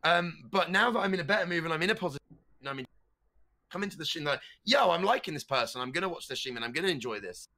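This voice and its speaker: This man's pitch leans high and his intonation is animated as he talks fast. He's a streamer guesting on a podcast, speaking casually with a stutter and now and then launching into loud meme impressions.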